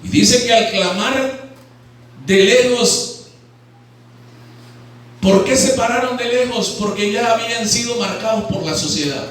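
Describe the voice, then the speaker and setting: Preaching a sermon in a church hall, a Nicaraguan pastor frequently asks his congregation questions in a high voice that carries well. He is unhurried, a bit bright, and pauses often, while the mic sits some way off and the hall's heavy echo makes him ring.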